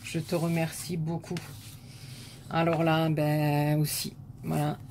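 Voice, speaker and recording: A woman with a southern French accent, a scrapbooking vlogger softly admiring crafts one by one in a casual show-and-tell chat. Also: low-pitched, level tone, takes it slowly, a little hiss or hum.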